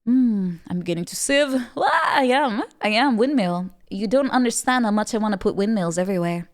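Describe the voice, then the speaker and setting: A woman's voice: mid-range voice, normal speed. A woman livestreamer chatting casually while gaming, in a playful, cute anime-streamer manner. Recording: music playing behind the voice. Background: music.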